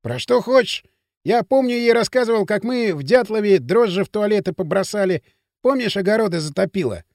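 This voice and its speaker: Brash teen lad, pushy slang, high lively voice, dry close sound; male narrator doing the voice. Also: brisk, vocal fry, no echo. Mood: scheming. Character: cocky bossy teenage boy from town outskirts. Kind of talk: audiobook character voice.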